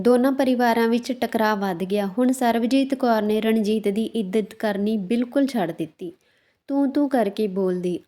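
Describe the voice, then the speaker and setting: A woman narrating a scripted family story in a steady, even reading voice. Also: medium pitch.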